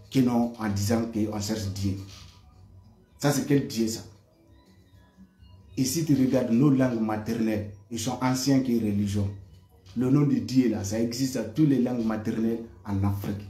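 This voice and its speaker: A West African online commentator delivers a heated, impassioned monologue to his viewers, repeating himself and often stammering on repeated words. His voice is medium-pitched and mellow, and the room is echoey.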